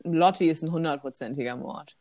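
A woman's voice: low voice, brisk, a little mellow, no echo. A young woman in her twenties chatting playfully as a podcast co-host, laughing often. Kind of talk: casual chat.

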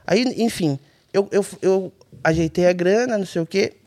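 Brief: Brazilian man, podcast guest, lively storyteller, slightly high voice. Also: normal speed. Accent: Brazilian Portuguese. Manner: animated, colloquial, acts out dialogue in his story. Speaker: podcast guest, rally navigator. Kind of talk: casual storytelling.

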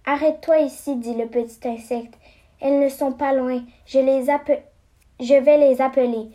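A woman's voice: sits high, steady tone, mellow, close to an everyday voice. A woman reading as a little friendly bee. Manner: slow, halting reading. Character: small weak friendly bee.

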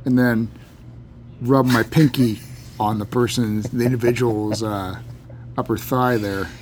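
A man co-hosting a podcast, chatting casually in a halting, deadpan joking way over a laptop fan. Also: mid-range voice, faint music behind. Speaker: podcast co-host. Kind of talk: casual banter between friends. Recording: laptop fan hum behind voice. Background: loud computer fan.

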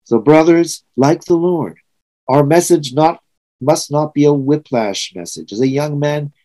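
Man, sixty, sermon, earnest and reflective, warm dark voice. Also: fairly high pitch, a little slow, poor audio. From Trinidad and Tobago. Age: 60s. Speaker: preacher.

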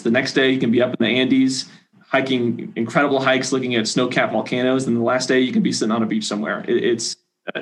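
A man in his twenties, a volunteer leader, telling his story in an interview with an earnest, even delivery. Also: mid-range voice, low-quality recording. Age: 20s. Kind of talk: casual interview answers.

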